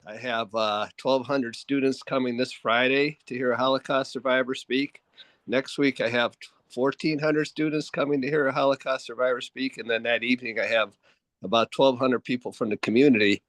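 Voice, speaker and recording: A man from Ohio talks casually on a video call, rambling and hesitant, restarting his sentences and leaning on fillers. His voice sits at a middle pitch, and the recording is dry and close, with almost no room sound. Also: fairly even intonation, normal speed, fairly bright tone, no room sound. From Ohio, USA. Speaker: participant in an online discussion. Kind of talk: casual chat.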